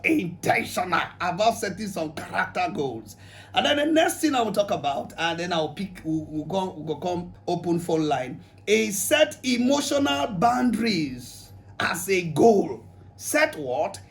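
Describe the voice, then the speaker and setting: A Nigerian man with a very high voice delivers a relationship talk to a crowd. He jokes, slips into pidgin and acts out playful scenes as he goes. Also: very animated, unhurried, gravelly. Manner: humorous, mixes pidgin, acts out quotes. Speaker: relationship speaker. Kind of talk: lively relationship talk to an audience.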